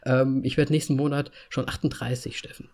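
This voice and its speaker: A man's voice: mid-range voice, little pitch movement, brisk, darkish tone. A man in his late thirties co-hosting a podcast in casual chat, talking in a rambling, chatty way and laughing often. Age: 30s. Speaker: podcast co-host.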